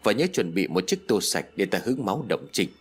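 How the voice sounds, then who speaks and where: A man's voice: deep voice, animated, fairly quick, husky. Man voicing a ruthless old sorcerer. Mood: commanding. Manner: commanding, barking orders. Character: ruthless old male sorcerer, power-hungry.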